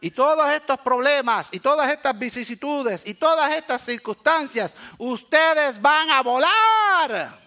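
Preacher man, very high and bright, animated sermon storyteller who acts out quotes. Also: measured pace. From Cuba. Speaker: pastor.

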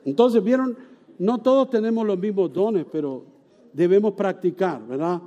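A man preaching a sermon, telling a story with animated, sometimes loud exclamations and soft, hushed moments. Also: high-pitched, normal speed, muffled recording. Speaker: pastor.

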